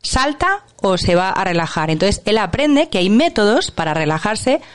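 A woman's voice: medium pitch, sing-song, moderate pace. A woman, an author and workshop leader, explaining parenting ideas emphatically in a conversation. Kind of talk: interview conversation.

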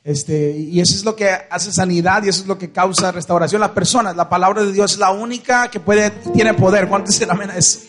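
High-voiced Mexican man preaching over guitar. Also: steady tone, fairly quick, hardly any pauses, fairly bright tone. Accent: Mexican Spanish. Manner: asks the crowd questions, acts out voices in the story. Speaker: worship band singer preaching between songs. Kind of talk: sermon-style storytelling at a church concert. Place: church concert hall.

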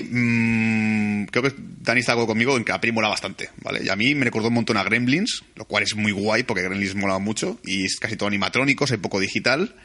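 A man chatting excitedly about a film on a podcast, swearing and laughing often. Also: on the low side. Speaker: podcast co-host. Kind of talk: casual film-review chat.

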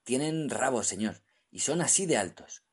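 A man's voice: mid-range voice, lively intonation, normal speed, breathy edge, pitched above the performer's own voice. A man voicing a young, terrified male pearl diver who pleads breathlessly and in fear, sometimes in a whisper.

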